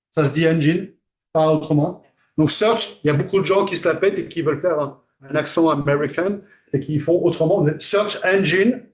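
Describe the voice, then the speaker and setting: His voice pitched high for a man yet darkish in tone, a lecturer teaches a class conversationally. He fires questions at the room and leans on filler sounds between ideas.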